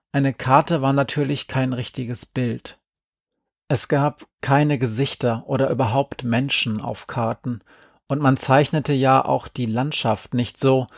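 Creaky-voiced male audiobook narrator. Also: mid-range voice, dry recording, clean studio sound.

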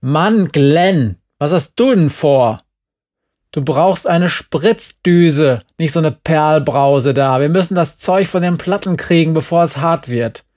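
A man reading aloud and voicing a gruff, middle-aged father who barks orders from scaffolding. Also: a little high, takes it slowly, pitched above the performer's own voice. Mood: barking. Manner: shouting.

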